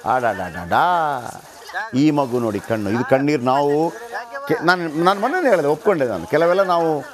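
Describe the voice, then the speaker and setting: A man with a Kannada accent presenting the news in an animated, emphatic and sarcastic way. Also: on the high side, moderate pace, crowd noise. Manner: emphatic, sarcastic, mimics officials. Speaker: news anchor.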